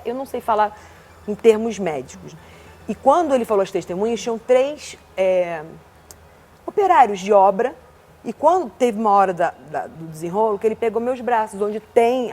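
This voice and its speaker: A woman guest in a television studio interview, speaking forcefully as she recounts events. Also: medium pitch, slightly rough. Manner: speaks forcefully, gestures a lot.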